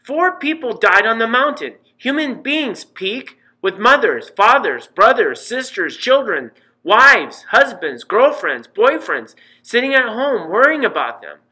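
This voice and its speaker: A worried middle-aged mother from an audiobook, pressing hard and insisting, as a man reads her in a slightly raised voice. Her tone is bright and edged, pushing each point home. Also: sits high, expressive, measured pace, pitched above the performer's own voice, exaggerated voice, low-quality recording. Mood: anguished pleading. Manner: pleading, insistent.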